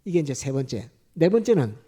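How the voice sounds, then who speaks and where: Dramatic preacher, high mellow voice. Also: male voice, big pitch swings, a little fast, husky. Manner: leads the congregation in call-and-repeat phrases; acts out prayers and shouted lines in a dramatic preaching style. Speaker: pastor. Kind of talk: sermon.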